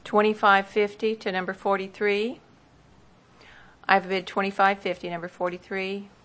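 A woman's voice: mid-range voice, little pitch movement, moderate pace, fairly bright tone. A woman auctioneer formally reading out parcel numbers and bids at a tax sale in a plain, procedural way.

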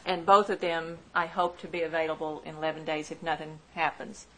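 A woman runs a live auction, calling lot numbers and bids in a flat, fairly low voice. She works procedurally through the figures one digit at a time. There is noticeable room noise behind her. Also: fairly quick, poor audio. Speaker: auctioneer at a property tax sale.

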